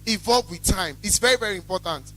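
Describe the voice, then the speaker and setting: Speaking fast in a high, loud, carrying voice, a young adult man with a Nigerian accent addresses a student audience as a guest speaker. He runs a small chops business, and his motivational talk is blunt and emphatic, with phrases repeated for effect. The audio is rough.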